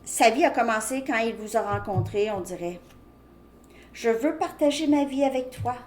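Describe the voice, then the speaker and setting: A woman's voice: on the high side, normal speed, a little mellow. Woman, tarot reader, chatty and loose, roomy echo with faint hiss. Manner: chatty, thinking aloud with many fillers and "ok?". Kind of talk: casual tarot card reading to viewers. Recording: echoey room, faint background noise.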